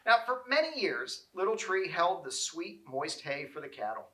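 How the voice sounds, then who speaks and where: Reading to children, this man's fairly high, bright voice carries expressive, carefully paced phrasing, with the echo of the room around him.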